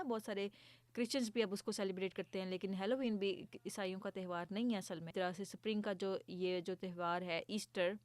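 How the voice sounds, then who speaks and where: A woman voicing a patient mother who gently explains things to her sons in a storybook. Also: medium pitch, no room sound, lightly acted.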